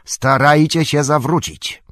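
A man's voice: mid-range voice, moderate pace, a little mellow, breathy edge, no echo, pitched above the performer's own voice, lightly acted. A man voicing a stern grown leader of a company of travellers, giving firm orders in a storybook reading. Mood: urgent. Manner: firm, commanding, raising the voice to call orders.

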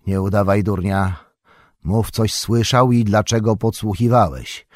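A man voicing a stern old male wizard, speaking gravely and measured. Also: lowish voice, a little mellow, dry recording, clean studio sound, natural voice.

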